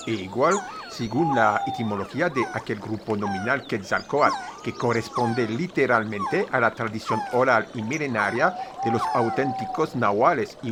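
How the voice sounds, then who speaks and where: Speaking in a medium-pitched voice over background noise, a man presents a video on Nahua history. The talk is a loose lecture, partly read, full of hesitation and filler, and he remarks that his own Spanish is somewhat crooked.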